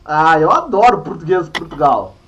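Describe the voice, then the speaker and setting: Lively high-voiced man teaching history. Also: moderate pace, highs cut off, heavy background noise. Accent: Brazilian, Minas Gerais. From Brazil. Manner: chatty, playful teacher, banters with a co-host. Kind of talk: online class lecture.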